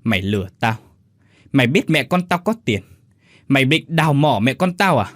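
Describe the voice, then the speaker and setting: A man voicing an angry young man who shouts accusations at a betrayer. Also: mid-range voice, very animated, normal speed, no echo, studio quality. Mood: accusing. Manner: furious, shouting.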